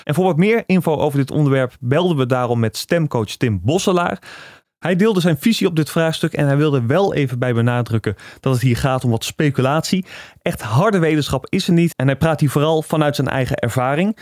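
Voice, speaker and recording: A man's voice: a little high, a little fast, darkish tone, no echo, clean studio sound. A man with a Netherlands Dutch accent presenting a podcast in a conversational style. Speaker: podcast host.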